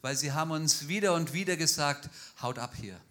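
A man interprets line by line at a church, fluent and quick. His voice is strikingly bright and forward and sits a little high. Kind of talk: live consecutive interpreting in a church.

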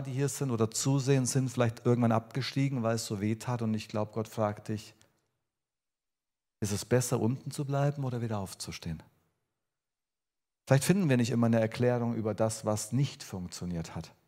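A man preaching a sermon to his congregation, earnest and personal, swinging between emphatic lines and quiet ones. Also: mid-range voice, a little fast. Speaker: pastor.

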